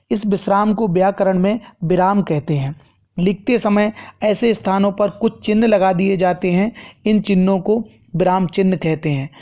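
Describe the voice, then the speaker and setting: A man teaching a grammar lesson in a measured, explanatory way, repeating key phrases, in a dull lo-fi recording. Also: sits high, darkish tone.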